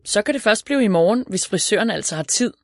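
A woman voicing a practical mother who speaks in a brisk, matter-of-fact way. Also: mid-range voice, animated, dry recording, studio quality, pitched above the performer's own voice, close to an everyday voice.

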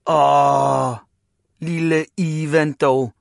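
A man's voice: sits high, fairly bright tone, no room sound, clean studio sound, voice pushed up. A man voicing mocking big schoolboys who tease a smaller boy. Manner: jeering, mocking.

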